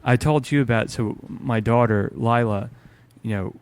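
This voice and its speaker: A man's voice: mid-range voice, unhurried, a little mellow, clear, resonant tone. A man, a musician guest, telling rambling stories in casual podcast chat, full of fillers and restarts.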